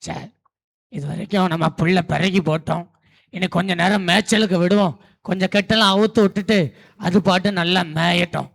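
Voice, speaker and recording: Guy doing a fussy worried farmer, high thin voice, puppet show. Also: fairly even intonation, brisk, gravelly, a bit bright, full character voice. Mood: warning. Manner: warning, anxious, lamenting. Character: fretful farmer, goat's owner.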